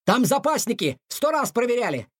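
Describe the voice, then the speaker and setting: A man voicing a brave, excitable young male cat in an audiobook, urgent and quick to shout commands. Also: extremely high pitch, breathy edge, no room sound, studio quality, voice pushed up, exaggerated voice.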